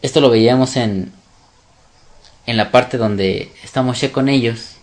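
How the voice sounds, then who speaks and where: A man gives a sermon-style scripture lesson in a voice of ordinary pitch. He stresses his points hard and keeps asking rhetorical questions. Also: unhurried. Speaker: religious teacher. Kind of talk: sermon-style Bible teaching.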